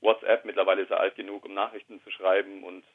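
A husky man in his thirties talks quietly and thoughtfully as a guest, often pausing and searching for words. His voice sits fairly low and comes through a thin, tinny phone line that strips away the fullness. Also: little pitch movement. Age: 30s. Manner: quiet, reflective, hesitant. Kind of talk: candid personal conversation.

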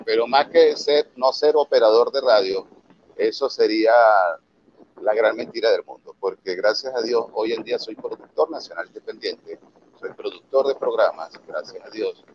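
A man from Venezuela, a radio announcer and producer, giving earnest, instructive answers in a remote interview, with a Valera accent. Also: on the low side. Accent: Venezuelan Andean, Valera. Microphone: video call. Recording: dull lo-fi video call audio with faint noise.

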